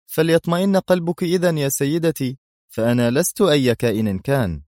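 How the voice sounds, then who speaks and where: A man reading a story aloud, voicing a calm, cold and sarcastic male spy hero. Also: mid-range voice, normal speed, dry recording, clean studio sound, voice pushed up, lightly acted. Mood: mocking.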